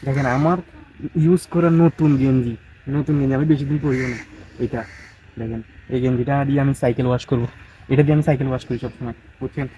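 A man's voice: medium pitch, fairly even intonation, quick pace, a little hiss or hum, poor audio. A man vlogging outdoors in a backyard by a pond, chatting casually and a bit tired from washing his bicycle. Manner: rambling, chatty, addresses viewers directly; speaking quietly so neighbours won't hear. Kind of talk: casual vlog chat.

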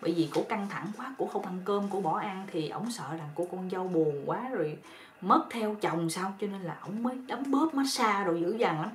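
A woman's voice: mid-range voice, lively intonation, moderate pace. Woman narrator, loose chatty telling, roomy echo. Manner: chatty, colloquial, repeats words often. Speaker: storyteller. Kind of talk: casual spoken storytelling. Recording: roomy echo with faint noise.

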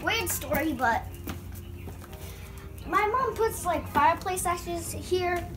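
Animated chatty girl outdoors. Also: extremely high pitch, takes it slowly. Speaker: vlog co-host. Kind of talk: casual chatter on camera. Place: outdoors in a backyard. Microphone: phone camera a few steps away. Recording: distant outdoor phone audio with loud music. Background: loud background music.

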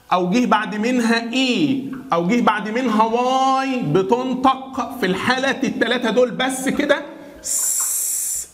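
Egyptian male tutor, very high voice, asks and answers his own questions, slows to spell out sounds, echoey room. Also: a bit bright. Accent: Egyptian Arabic. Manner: repeats questions and has the viewer answer back; slows right down to spell words out. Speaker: English teacher. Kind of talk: classroom-style pronunciation lesson.

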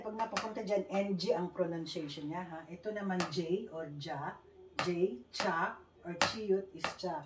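A woman who speaks Tagalog as a first language, teaching Korean letters to learners, patiently repeating sounds and mixing in English. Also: mid-range voice. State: speaking carefully due to a tooth problem. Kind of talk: online language lesson. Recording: echoey room, faint hiss.

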